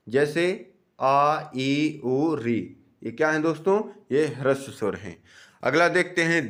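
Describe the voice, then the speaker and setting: A man teaching an exam-prep grammar lesson, asking the class questions and answering them himself, slowly drawing out each vowel sound he demonstrates. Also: fairly high pitch, a bit bright. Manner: stretches out sounds slowly when pronouncing vowels.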